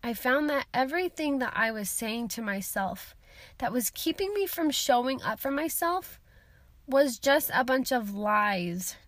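High-voiced upbeat woman podcast host. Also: animated, unhurried, fairly bright tone. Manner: upbeat, chatty, encouraging. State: has a summer cold. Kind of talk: solo self-help podcast talk.

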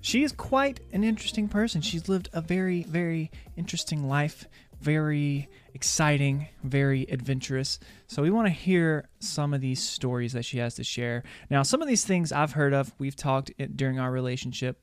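Smooth-voiced easygoing male podcast host. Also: medium pitch, no room sound, clean studio sound. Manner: easygoing, teasing, with many ums and restarts. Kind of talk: casual interview.

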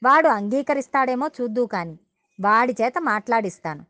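A woman's voice: fairly high pitch, animated, brisk, pushed and bright. Woman voicing solemn divine sage. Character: old male divine sage, commanding and kind.

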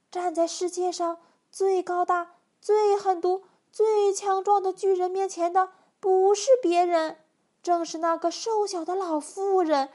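A woman reads a children's picture book aloud, expressive and lively. Her voice sits high, and she takes her time over each line. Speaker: storyteller.

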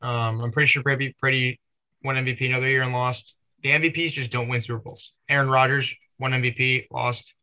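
Bright-voiced co-host rambling about football. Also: male voice, mid-range voice, little pitch movement, a little fast, highs cut off. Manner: rambling, full of "you know" fillers. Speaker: podcast co-host. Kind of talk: casual sports talk.

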